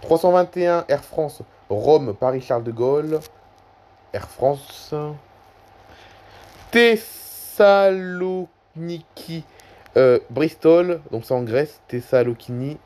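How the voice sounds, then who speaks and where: A YouTuber with a slightly high, animated, somewhat mellow voice talks slowly over a screen recording of a live flight-tracking map. As he clicks around, he hesitates, rambles, and corrects himself.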